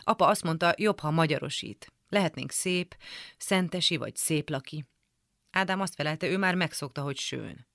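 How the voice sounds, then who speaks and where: A woman reading a literary memoir aloud for radio in a calm, measured storytelling manner. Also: low voice, no echo, studio quality. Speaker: radio reader. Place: radio studio.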